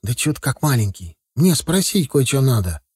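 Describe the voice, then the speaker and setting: A man voicing a lovesick young male village driver who pleads and whines excitedly. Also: medium pitch, normal speed, slightly rough, no echo, studio quality. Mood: pleading. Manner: excitable, whiny, insistent.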